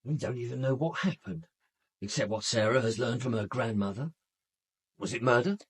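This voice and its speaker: In a British radio murder mystery, a supercilious man speaks coolly and sardonically, clipping his words with disdain and sounding guarded. His medium-pitched voice is husky in grain, dry and close, delivered at normal speed without echo.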